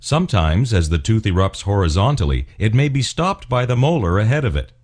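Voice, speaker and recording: A man reading scripted instructional narration as a medical explainer, in a formal, measured, clinical way. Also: on the low side, sing-song, darkish tone. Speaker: narrator of dental explainer videos.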